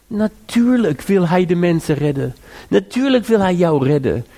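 A man's voice: sits high, expressive, moderate pace, mellow. A man preaching a sermon, earnest and exhorting, repeating phrases and rising to urge listeners.

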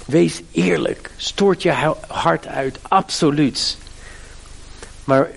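A man's voice: fairly high pitch, very animated, very slow, creaky. A middle-aged man preaching a sermon, with fervent, emphatic appeals to his listeners. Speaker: pastor.

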